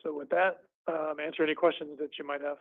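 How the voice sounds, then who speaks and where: Halting man giving a finance report. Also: on the high side, level tone, no room sound. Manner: halting, many ums and uhs. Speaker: finance presenter. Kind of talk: reading a committee finance report. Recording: tinny phone-like line.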